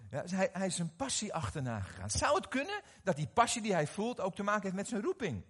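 A middle-aged man preaching a sermon, animated and often questioning his audience, repeating words as he restarts. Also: high voice, fast talker, husky. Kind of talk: sermon to a live congregation.

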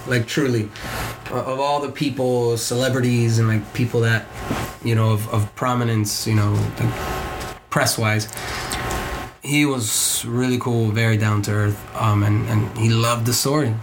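A man with a Puerto Rican accent, a podcast guest, tells a story casually over a noisy background, his intonation fairly even and his pace moderate. He rambles and keeps restarting, and when he quotes other people he voices them in a higher pitch.

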